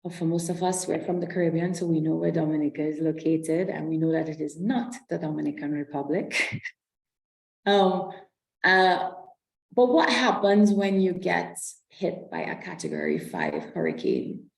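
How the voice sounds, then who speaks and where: Woman webinar presenter from Trinidad and Tobago, low and slightly gravelly, on a video call from a roomy space. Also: lively intonation, moderate pace. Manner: explanatory, with frequent um and self-corrections. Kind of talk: online presentation walking through slides.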